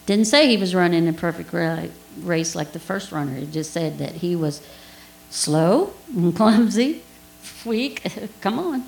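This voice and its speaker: A woman's voice: fairly low pitch, animated, a little slow, creaky, a little mellow, echoey room, slight background noise, rough recording. A woman giving an informal Bible teaching, telling a personal story in a chatty way with laughs and asides.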